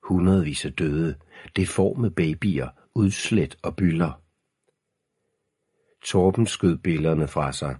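A man reading an audiobook aloud in a measured, ominous storytelling manner. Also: low voice, dark tone, breathy edge, no echo, studio quality. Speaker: narrator. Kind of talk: scripted audiobook narration.

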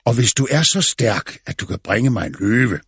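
A man voicing a stingy old farmer with a rough, gravelly voice and a blunt, grudging manner in a storybook reading. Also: medium pitch, expressive, fairly bright tone, no room sound, studio quality, pitched above the performer's own voice. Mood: stern.

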